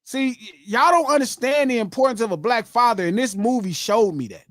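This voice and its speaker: A man in his fifties hosting a casual live-stream podcast, reading out viewer shout-outs with animated banter. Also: extremely high pitch, a little fast, no echo, studio quality. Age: 50s. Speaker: podcast host reading donations.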